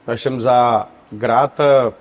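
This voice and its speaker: A Brazilian man, a co-host who mentors couples, speaking in a measured, advising tone in a casual interview. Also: mid-range voice, fairly even intonation. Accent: Brazilian Portuguese.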